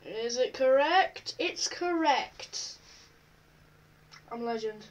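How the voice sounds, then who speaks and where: A woman with a high voice chats casually through an online quiz, reading each question aloud and answering offhand. She sits a little back from the microphone, so her voice carries some distance. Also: expressive, drawn-out words. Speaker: vlogger. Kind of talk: casual chat while taking an online quiz.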